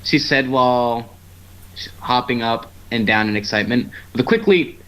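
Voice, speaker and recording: A man with a mid-range, fairly bright voice narrates fan fiction casually as an amateur storyteller at normal speed, now and then stumbling over the script. It comes from a noisy amateur online stream.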